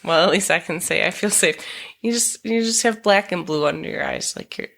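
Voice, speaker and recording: A woman's voice: lowish voice, a little fast, a bit bright. Female podcast co-host, playful and teasing, casual conversational delivery.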